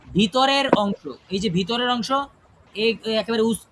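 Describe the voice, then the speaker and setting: A man's voice: very high-pitched, normal speed, background noise. A man teaching a class how to pronounce Quranic recitation. He demonstrates the sounds aloud and keeps checking in with his students. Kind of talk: classroom pronunciation lesson.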